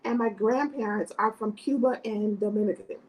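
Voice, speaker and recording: A woman's voice: mid-range voice, moderate pace, darkish tone, low-quality recording. A middle-aged woman from South Florida, an educator speaking as a podcast guest in an earnest, emphatic way, often adding "right?". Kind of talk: podcast interview.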